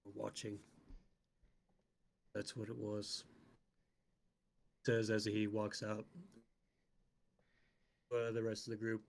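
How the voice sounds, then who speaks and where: A man playing a tabletop game, thinking aloud in a slow, musing way. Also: lowish voice, completely flat delivery, gravelly. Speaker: player. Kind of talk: casual tabletop game chat.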